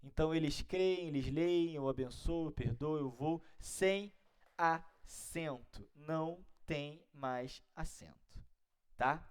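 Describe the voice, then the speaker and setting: A man's voice: fairly high pitch, takes it slowly, clear, resonant tone. A man with a Brazilian Portuguese accent teaching an exam-prep grammar lesson, explaining step by step and checking in with his students often. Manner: didactic, keeps checking in with listeners.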